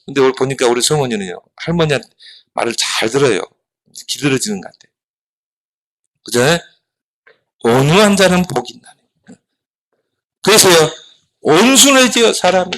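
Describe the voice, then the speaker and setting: Animated man preaching to children. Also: mid-range voice, fairly quick, long pauses, low-quality recording. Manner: animated, questioning the children and answering himself. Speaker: pastor. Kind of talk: children's sermon.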